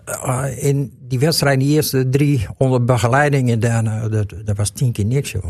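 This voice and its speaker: A man's voice: mid-range voice, steady tone, normal speed, darkish tone, no room sound, studio quality. A retired man in his sixties, an amateur football referee, chatting as a guest and stumbling over repeated words. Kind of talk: casual radio chat.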